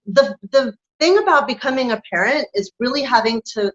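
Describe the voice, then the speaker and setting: Her fairly high voice is animated and a little fast as this woman, a lactation consultant, chats frankly in an interview and laughs through her points. The audio has a dull, lo-fi quality.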